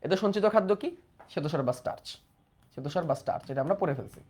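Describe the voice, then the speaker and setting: A man's voice: on the high side, expressive, fast talker, a little mellow. A young man teaching a biology exam-prep class, repeating questions and prompting students to answer. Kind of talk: online exam-prep lecture.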